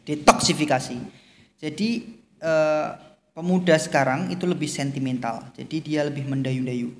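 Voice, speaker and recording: A man's voice: a little high, steady tone, normal speed. A man, a podcast guest, explaining his views at length in a casual religious talk. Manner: explanatory, lecturing, mixes in Javanese phrases. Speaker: guest speaker. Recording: echoey room with long reverb, faint hum.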